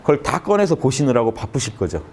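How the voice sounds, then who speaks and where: A man lectures in a large conference room, leading his audience through a simple calming exercise. His pitch sits in the middle but moves a great deal, and sudden rises give it an animated feel. He repeats short phrases and stresses the key words. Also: fast talker, breathy edge. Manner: lively, emphatic delivery with sudden rises in pitch. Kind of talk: motivational humanities lecture.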